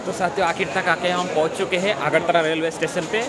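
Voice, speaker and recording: A man from Tripura in his thirties talks fast in a slightly high voice over loud music while vlogging on his phone through a busy outdoor railway station. Crowd chatter and passing vehicles fill the background as he chats easily and guides viewers along.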